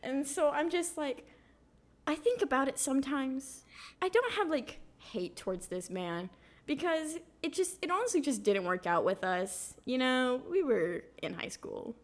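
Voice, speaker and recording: A young woman co-hosting a podcast, telling stories in a casual, animated way with lots of fillers. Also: sits high, a little slow. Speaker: podcast co-host. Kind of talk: casual chat.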